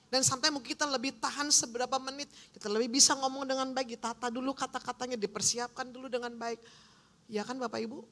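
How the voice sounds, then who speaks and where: A woman pastor preaching a lively, joking sermon at a church service. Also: on the high side. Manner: lively, joking, acts out quoted voices.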